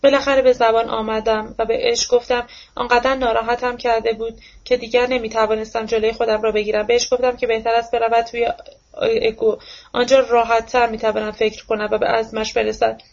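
A woman narrating a novel aloud in a steady, even reading manner, on a dull lo-fi recording. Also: fairly high pitch, creaky. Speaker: audiobook reader.

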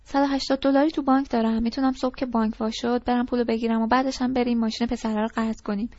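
A woman's voice: on the high side, little pitch movement, a little mellow, no echo, lightly acted. A woman voicing a disgruntled teenage boy who rambles through complaints and pleads eagerly, in an audiobook reading. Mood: eager, pleading. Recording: dull lo-fi recording.

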